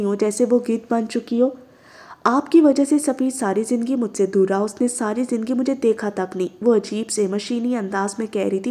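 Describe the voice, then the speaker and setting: A woman narrating a novel in an expressive, dramatic reading. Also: fairly high pitch.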